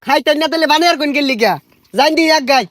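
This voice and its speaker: High-voiced man with grumbling banter. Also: racing, a bit bright, no echo, studio quality. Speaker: comedy sketch actor. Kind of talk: comic sketch acting.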